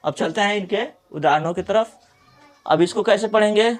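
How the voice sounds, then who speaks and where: A middle-aged man with a Bihari Hindi accent teaching pronunciation, saying example words slowly one at a time. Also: high-pitched. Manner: slow, deliberate, repeats example words one by one. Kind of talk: pronunciation lesson.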